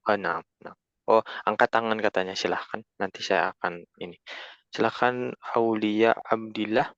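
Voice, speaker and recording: A man moderates an online class, speaking slowly and haltingly with filler pauses. His voice sits low with a gravelly edge, and it comes through as dull, dry video-call audio. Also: fairly even intonation, a bit bright, no room sound. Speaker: session moderator.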